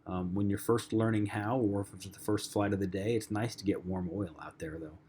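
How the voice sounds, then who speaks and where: A man with a lowish voice teaches a flight lesson, talking loosely and conversationally, filling gaps with ums and uhs. A faint hum sits under the recording. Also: steady tone, a little fast, dark tone. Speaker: flight instructor. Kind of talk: lecture-style flight lesson.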